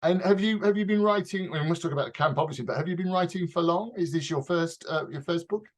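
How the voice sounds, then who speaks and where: A man's voice: on the high side, quick pace. A man hosting a radio interview, chatty and jokey, with theatrical asides. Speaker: radio host.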